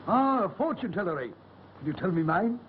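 An actor playing a hearty, domineering village squire in theatrical old melodrama style. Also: male voice, high voice, sing-song, moderate pace. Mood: amused, condescending. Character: jovial, domineering village squire, hot-tempered gentleman villain. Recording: muffled, noisy old film soundtrack.

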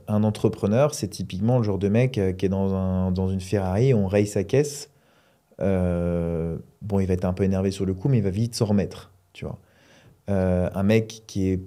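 A man's voice: low-pitched, mellow. A man co-hosting a podcast, talking casually and rambling with many fillers. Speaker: podcast co-host.

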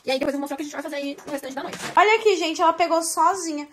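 A woman's voice: high voice, very fast, heavy background noise. A young woman chatting to viewers while filming her family at home on a phone. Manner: lively, chatty, talks to viewers. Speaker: vlogger mother. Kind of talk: family vlog chat. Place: home indoors. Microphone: phone camera.

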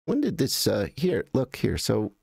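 A man's voice: mid-range voice, wildly swooping pitch, measured pace, creaky, darkish tone, breathy edge, no room sound, clean studio sound. An American man hosting a livestream, rambling and correcting himself as he thinks aloud while clicking through images. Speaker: livestream host. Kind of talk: casual livestream commentary.

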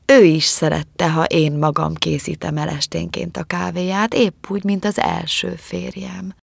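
A woman voicing a young woman who confesses in a quiet, controlled way and turns commanding, in an audiobook. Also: lowish voice, flat delivery, vocal fry, breathy edge, no room sound, heavily acted. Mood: cool confession. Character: young woman calmly confessing, icy and composed.

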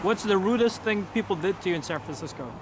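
Young man, casual filler-heavy street interviewer, high-ish voice, camera mic with heavy traffic noise. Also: animated, quick pace. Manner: chatty, filler-heavy questions. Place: city sidewalk outdoors. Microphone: camera mic, behind the camera. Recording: loud street noise outdoors.

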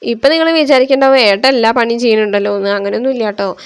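A young woman from Kerala talks quickly through a home vlog voice-over. Her voice sits a little high, and her delivery is chatty and homely. She recorded it at home. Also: fairly even intonation, smooth. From India (Kerala). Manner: chatty, homely, reassuring tag endings. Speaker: family vlogger.

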